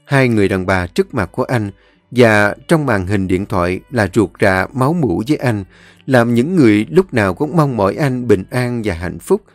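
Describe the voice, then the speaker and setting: A man narrating an audiobook story in a steady, earnest way. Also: mid-range voice, no room sound.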